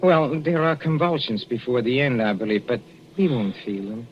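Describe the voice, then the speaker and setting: In a 1940s radio play on a dull old broadcast, an actor plays a villain, a sinister husband who has poisoned his wife. He sounds menacing as he gloats softly, in a mid-range, near-everyday voice at normal speed, with a little hiss or hum.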